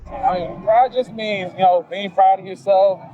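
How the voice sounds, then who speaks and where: A man interviewed at an outdoor parade, speaking in a relaxed way with casual fillers. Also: high voice, normal speed. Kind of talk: street vox pop. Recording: dull outdoor street recording, crowd behind.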